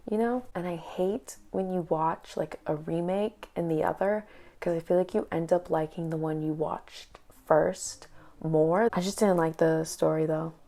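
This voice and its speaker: A young woman vlogging casually, chatty and full of quick asides. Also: on the low side, creaky, dark tone. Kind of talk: casual chat.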